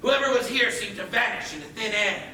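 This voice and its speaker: A man's voice: sits high, animated, brisk, pushed and bright, exaggerated voice. An actor playing an eager, fawning male pirate sidekick on a live stage. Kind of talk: stage play acting. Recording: echoey stage recorded from far off, with noise.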